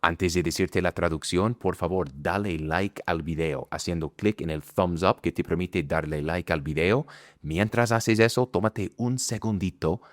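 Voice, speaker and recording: A man from the United States with an American accent, teaching an English lesson in Spanish and slowly repeating example sentences for emphasis. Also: low voice, no echo, clean studio sound. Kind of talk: online language lesson.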